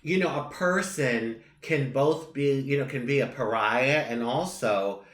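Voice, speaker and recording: A woman's voice: extremely low pitch, unhurried, echoey room. A woman hosting a casual talk show, playful and giggly with a flirtatious streak. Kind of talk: casual chat.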